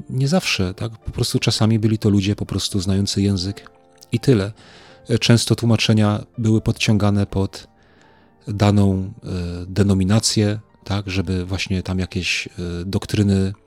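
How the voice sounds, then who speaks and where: A man with a fairly low voice preaches in a loose, conversational way, stumbling over words and checking in with his listeners. The sound is dry and close, with faint music underneath. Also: no echo. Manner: conversational, repeats words, many fillers and tag questions. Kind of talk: informal sermon.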